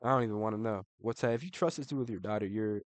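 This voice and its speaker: A man's voice: lowish voice, very fast, dry recording. A man giving casual, slangy commentary, swearing and tossing in "bro" constantly, with laughs between remarks. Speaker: online commentator ranking fighters.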